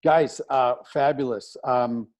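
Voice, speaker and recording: A man's voice: mid-range voice, steady tone, slow, darkish tone, low-quality recording. An American man hosting a podcast interview over a video call, talking effusively with many restarts. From United States. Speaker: podcast host.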